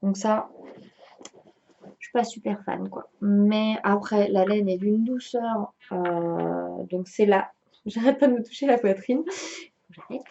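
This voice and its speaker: A woman's voice: medium pitch, gravelly, warm tone, dull audio. A young woman chatting casually to camera on her knitting podcast, full of fillers and giggly asides.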